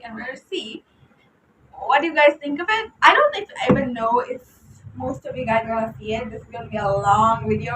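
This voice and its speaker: A young woman with an Indian accent chats loosely and excitedly about a film series, often restarting her sentences. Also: a little high, background noise. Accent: Indian English. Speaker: book vlogger. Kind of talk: unscripted fan commentary. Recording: echoey room, distant mic.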